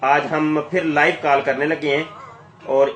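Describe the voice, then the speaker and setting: Male live polemical host, high voice, combative and emphatic, echoey recording. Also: flat delivery, fairly bright tone, soft background music. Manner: confrontational, accusatory, emphatic. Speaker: YouTube channel host making a live call. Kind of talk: polemical live commentary to listeners. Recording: echoey, roomy sound.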